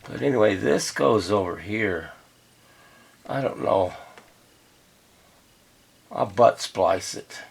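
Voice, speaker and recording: A radio repair hobbyist narrates a restoration in casual, unscripted commentary, half talking to himself while he inspects and handles parts. His lowish voice has lively intonation and is slow, creaky and breathy-edged, with long pauses. The recording comes from a noisy workshop and includes clicks.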